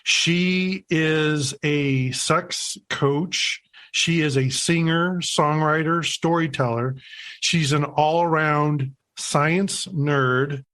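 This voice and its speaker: A man hosting a podcast, introducing his guest and asking questions in a slow, deliberate way. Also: a little high, fairly even intonation, a bit bright. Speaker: podcast host. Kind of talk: podcast interview.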